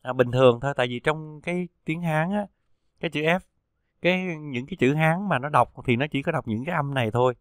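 A man teaching pronunciation, reading syllables one by one in a slow, deliberate drill. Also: fairly high pitch, no room sound, studio quality. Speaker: Chinese pinyin teacher.

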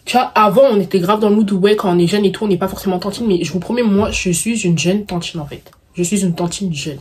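A woman in her early twenties, of Congolese descent and raised in the Paris suburbs, answers viewers' questions on camera. Her medium-pitched, husky voice runs fast, and her accented, slang-filled chatter is playful and sprinkled with English catchphrases.

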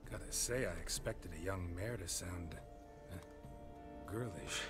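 A man voicing a gruff, stoic monster hunter in a video game, talking in a terse, dry way. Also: a little slow, over music. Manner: terse, dry, low-key.

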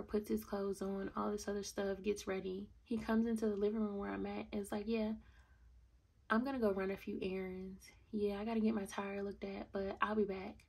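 A woman's voice: mid-range voice, vocal fry, slightly rough. A young woman telling a storytime vlog, blunt and indignant, talking straight to her viewers. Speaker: vlogger.

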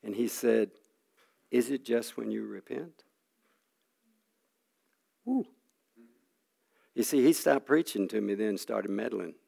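An older man giving an earnest sermon testimony, telling a personal story with halting restarts and frequent throat clearing. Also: fairly low pitch, animated, warm tone. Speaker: preacher.

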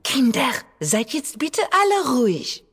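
A woman's voice: high voice, big pitch swings, unhurried, husky, full character voice. A woman playing a kindly but firm gazelle kindergarten teacher giving instructions in a children's audio play. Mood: kindly, instructing. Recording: echoey hall, music behind.

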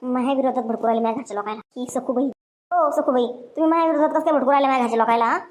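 A woman's voice: a little high, steady tone, a little mellow, natural voice. A woman voicing a scheming, quarrelsome young village daughter-in-law in a cartoon story. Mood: angry scolding. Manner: quarrelsome, rapid, indignant. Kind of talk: cartoon voice acting.

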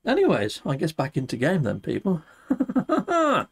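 Here the middle-aged gaming host speaks at medium pitch that swoops wildly, fairly quick, with a gravelly, darkish, slightly rough tone. He chats casually on stream, exuberant and full of playful catchphrases, seated in his indoor home setup.

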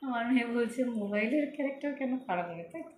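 A middle-aged woman vlogging at home into her phone. She speaks with a soft, slightly lisping, childlike manner and takes her time over words to say them clearly. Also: a little high, animated, rapid-fire, reverberant, slight background noise. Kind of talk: casual chat to viewers. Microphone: phone camera.

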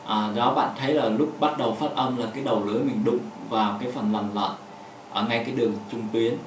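A man who speaks Vietnamese natively teaches pronunciation, talking in halting stretches full of fillers and repeating each example word. His voice sits mid-range for a man. He sounds a little distant, in an echoey room with faint background hum. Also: medium pitch, steady tone. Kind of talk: explaining a lesson with hand demonstrations.

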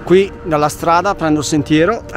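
A man's voice: a little high, fairly even intonation, normal speed. A man talks his way up a mountain trail, narrating to a camera he carries as he walks, in a chatty, thinking-aloud manner. He is recorded outdoors, with faint music underneath his voice. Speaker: hiking vlogger. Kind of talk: casual hiking narration to camera. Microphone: camera carried while hiking.

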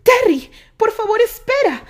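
A woman's voice: extremely high pitch, big pitch swings, measured pace, voice pushed up, heavily acted. A woman voicing a stubborn, spirited young woman in a storybook romance. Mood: pleading shout. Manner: cries out.

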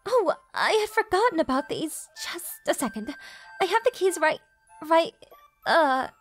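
A clingy, jealous teenage anime girl in love talks a little slowly in a full character voice, her pitch extremely high and very animated. Her delivery is dramatically emotional, like a romantic comedy dub, and comes across playful and flustered, with music in the background.

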